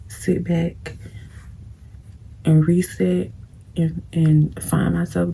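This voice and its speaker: This young vlogger's voice is fairly low, creaky, mellow, and scratchy as she chats while doing her makeup. Her get-ready-with-me advice is casual, but she delivers it bluntly and preachily, right at the viewers.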